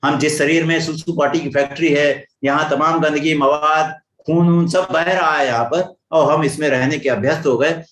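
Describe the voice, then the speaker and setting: A man's voice: a little high, a bit bright. A man in his sixties from India giving a spiritual discourse, telling parables and acting out their dialogue with emphatic repetitions. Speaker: spiritual speaker. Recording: echoey room.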